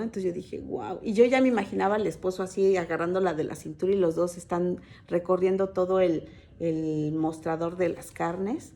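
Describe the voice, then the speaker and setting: Mellow-voiced woman teaching with many fillers. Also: mid-range voice. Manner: hesitant, many fillers and restarts; conversational storytelling, addressing listeners as sisters. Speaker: women's Bible teacher at church. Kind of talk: informal sermon to a women's group.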